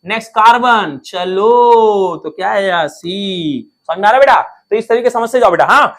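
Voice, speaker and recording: A man's voice: sits high, animated, normal speed, a bit bright. A man teaching a lesson in a playful, coaxing way, asking questions and answering them himself. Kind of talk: classroom lesson, coaxing students.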